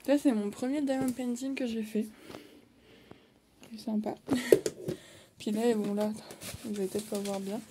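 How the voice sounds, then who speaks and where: A woman's voice: on the high side, steady tone, a little slow, pauses often, heavy background noise. A young woman casually chatting at home on her phone, filling her sentences with hesitations. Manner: chatty, lots of hesitation fillers. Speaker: vlogger. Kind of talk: casual bookshelf tour.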